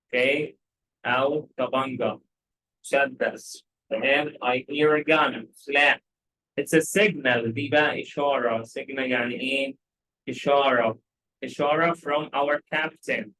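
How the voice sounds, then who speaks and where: Slow, measured Egyptian man teaching English. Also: mid-range voice, fairly even intonation, sharp tone, poor audio. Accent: Egyptian Arabic. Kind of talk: explaining a story for English learners.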